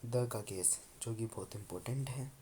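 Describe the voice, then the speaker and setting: A man's voice: lowish voice, normal speed, dark tone, a little hiss or hum. A man teaching English grammar in Hindi, coaxing and repeating his points patiently. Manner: coaxing, repeats points, calls students "babu". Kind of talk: Hindi-language grammar lesson.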